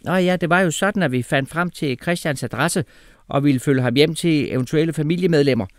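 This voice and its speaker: A man's voice: a little high, no room sound, clean studio sound, pitched above the performer's own voice, natural voice. Man playing a matter-of-fact police officer. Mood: officious.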